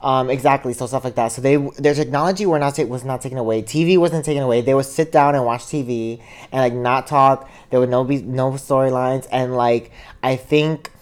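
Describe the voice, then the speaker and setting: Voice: mid-range voice, fairly even intonation, fairly quick, clear, resonant tone. Young adult podcaster, casual rambling chat, full of fillers, studio mic. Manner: rambling, heavy on "like" and "um". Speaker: podcast co-host.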